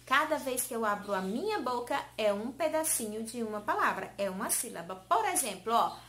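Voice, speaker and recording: High, bright sing-song woman teacher. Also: lively intonation. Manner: sing-song, stretches key words slowly, coaxing questions. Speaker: teacher of young children. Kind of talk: online lesson for small children. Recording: roomy echo.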